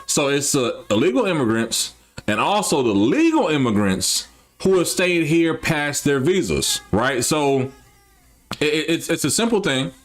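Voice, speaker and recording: A man hosting a live stream, chatting straight to his viewers in a loose, rambling way, full of restarts and slang. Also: mid-range voice. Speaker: livestream host. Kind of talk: casual live-stream commentary.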